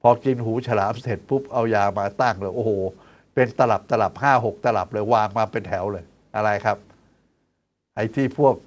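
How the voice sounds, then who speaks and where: A man's voice: lowish voice, moderate pace. Man, 60s, doctor-host; folksy health talk with a chatty, questioning delivery. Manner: chatty, lively asides, teasing rhetorical questions; counts out exercise steps aloud. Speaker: doctor hosting a health show.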